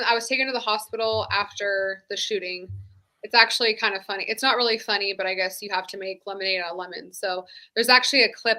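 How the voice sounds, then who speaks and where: A woman's voice: mid-range voice, bright, forceful tone. A woman in her thirties, a former deputy, telling her own story in a candid, conversational way, full of "like.". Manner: candid, conversational, many "like" fillers. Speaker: interview guest, former sheriff's deputy. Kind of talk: casual personal storytelling.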